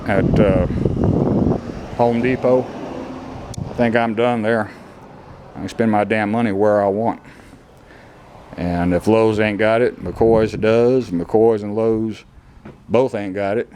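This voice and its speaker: Low-voiced grumbling man, plainspoken. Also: a little mellow, a little hiss or hum. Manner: blunt, grumbling, plainspoken with rural slang. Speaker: DIY vlogger. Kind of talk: casual DIY walkthrough vlog. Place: indoor former kennel building with concrete floor.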